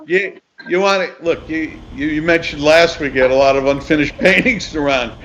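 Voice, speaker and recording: Host, male, slightly high voice, curious and easygoing. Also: moderate pace, fairly bright tone, lo-fi sound, slight background noise. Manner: asks questions, laughs easily. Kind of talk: casual discussion.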